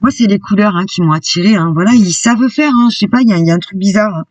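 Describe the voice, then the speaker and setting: A woman's voice: mid-range voice, quick pace, a little mellow, dry recording, recorded from a distance, muffled recording. Woman, casual haul vlog, enthusiastic chatter, dry room sound. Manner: chatty and enthusiastic, peppered with "hein". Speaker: craft YouTuber.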